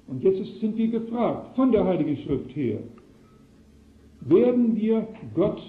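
A man preaching a sermon in an earnest manner, posing probing rhetorical questions to his listeners. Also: fairly high pitch. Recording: echoey, phone-like lo-fi recording.

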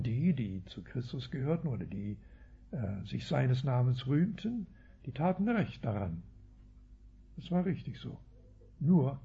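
Husky man preaching with lively pitch. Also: dull audio. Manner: frequent tag "ja", self-corrections. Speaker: Bible teacher. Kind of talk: expository sermon.

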